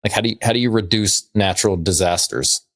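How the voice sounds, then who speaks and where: Chatting casually as a podcast co-host, a man with a fairly low, slightly bright voice talks fast. His trivia and jokes come out dry, in a loose comedic style.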